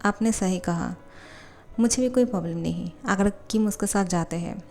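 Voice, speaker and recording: A woman's voice: medium pitch, normal speed, creaky, darkish tone, soft background music, lightly acted. Woman voicing an easygoing middle-aged dad. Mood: agreeable. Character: agreeable middle-aged father. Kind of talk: fan fiction voiceover storytelling.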